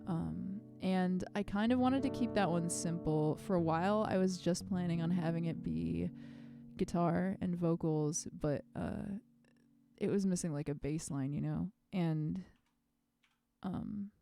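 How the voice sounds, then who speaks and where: A woman's voice: lowish voice, unhurried, creaky, mellow, soft background music. A young woman hosting her own livestream, talking over a home streaming mic in a meandering, self-effacing way. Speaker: musician streaming her release party. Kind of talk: casual livestream chat.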